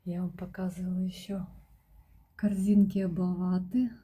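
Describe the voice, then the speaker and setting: Woman, home plant vlogger; dark, mellow, breathy voice, soft-spoken, slips into whispers. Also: on the low side, flat delivery, moderate pace. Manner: soft-spoken, often drops to a whisper, addresses viewers as girls. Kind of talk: casual plant-collection vlog. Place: home among houseplants, indoors.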